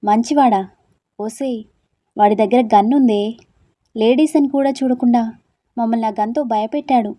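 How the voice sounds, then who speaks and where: Woman voicing bossy exasperated hostel friends, loud and nagging, warm tone. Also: a little high, moderate pace, long pauses, lightly acted. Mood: scolding. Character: teasing, scolding young women friends. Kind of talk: audio story acting.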